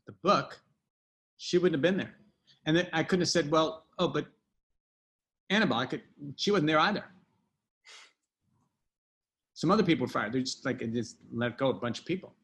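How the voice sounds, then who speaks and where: A man's voice: a little high, expressive, moderate pace, long pauses, a bit bright. A middle-aged man telling a personal anecdote in a casual interview, rambling with fillers and restarts. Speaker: guest storyteller.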